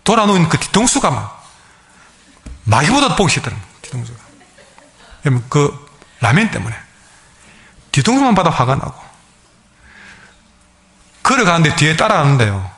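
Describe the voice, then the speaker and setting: A male pastor with a Gyeongsang accent, preaching a sermon as a lively storyteller who acts out the people in his stories. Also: fairly high pitch, normal speed, pauses often. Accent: Gyeongsang Korean. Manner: lively storyteller, acting out quoted dialogue.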